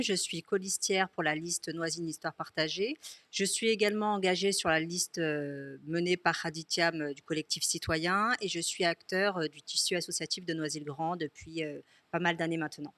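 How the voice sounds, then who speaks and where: A woman's voice: fairly low pitch, normal speed, a bit bright, dry recording. A woman who is a municipal candidate, speaking in a hesitant way and often correcting herself. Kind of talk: political discussion.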